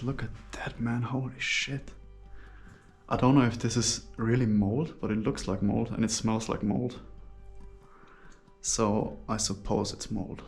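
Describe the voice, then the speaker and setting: A man speaks casually through a face mask in a musing, hushed way, narrating his solo exploration for viewers. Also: medium pitch. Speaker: solo urban explorer vlogger. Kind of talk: casual exploration commentary to camera. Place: inside an abandoned hotel's rooms.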